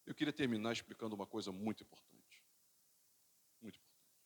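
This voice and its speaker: A man's voice: fairly low pitch, fast talker. Preaching man. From Brazil. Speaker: pastor. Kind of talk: sermon. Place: church sanctuary. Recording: reverberant church hall.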